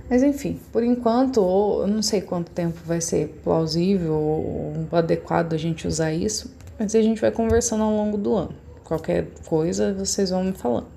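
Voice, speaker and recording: A woman's voice: medium pitch, creaky, warm tone, a little hiss or hum. A woman teacher from Brazil, patiently explaining a remote lesson step by step to young pupils. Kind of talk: recorded remote class lesson.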